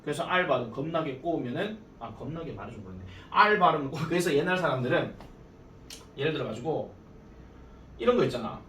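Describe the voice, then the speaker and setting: A man teaching an English grammar lesson at a cram school. He talks casually and jokes, and reads the English lines out slowly. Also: fairly high pitch, lively intonation, a bit bright, a little hiss or hum. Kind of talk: classroom grammar lecture. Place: classroom. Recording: echoey classroom from far off.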